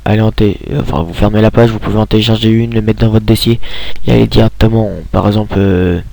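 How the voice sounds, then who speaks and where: A man's voice: on the low side, fairly even intonation, fast talker, vocal fry, mellow, dry recording. A young man giving a casual screen tutorial, rambling with many hesitations and restarts, talking into a computer mic at home.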